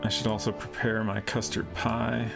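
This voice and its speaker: A man's voice: on the low side, little pitch movement, normal speed, creaky, over loud music. A man giving casual live commentary as he streams a game.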